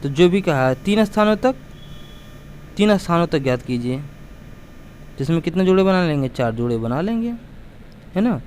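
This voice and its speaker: Math teacher guy, slightly high voice, goes over steps again and again, bit of street noise. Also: darkish tone. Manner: patient, repetitive, addresses students as beta. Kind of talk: explaining math lesson to students.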